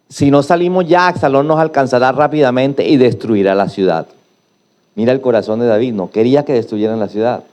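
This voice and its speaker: A man's voice: mid-range voice, a little mellow. A middle-aged male pastor preaching a sermon, emphatic and prompting the congregation to repeat after him.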